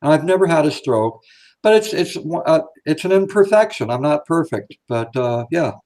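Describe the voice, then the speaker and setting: A man's voice: fairly high pitch, lively intonation, normal speed, a little mellow. A man co-hosting a casual live stream, chatting as he talks out of the side of his mouth.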